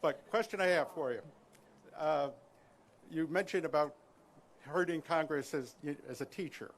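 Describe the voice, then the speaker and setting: A middle-aged man with a fairly high voice asks a question from a rally audience. He phrases it haltingly, with faint noise and ambience around him. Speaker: audience member asking a question.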